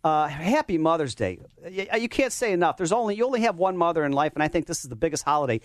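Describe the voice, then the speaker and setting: A man's voice: a little high, lively intonation, fast talker, no echo. A man hosting a radio show in a chatty, unscripted, effusive way, on a close studio microphone.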